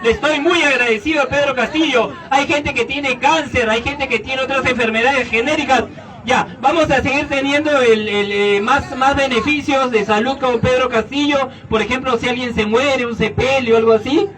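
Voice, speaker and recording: A man's voice: very high voice, moderate pace. Earnest Peruvian man from the audience. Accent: Peruvian Spanish. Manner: earnest, grateful, rambling. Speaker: audience member. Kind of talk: public question at a debate. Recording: distant outdoor recording.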